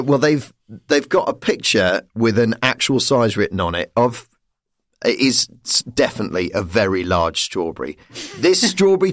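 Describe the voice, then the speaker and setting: Playful man, lively pitch. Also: no echo, studio quality. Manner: playful, laughing, rambling asides. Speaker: comedian guest. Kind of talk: casual panel chat.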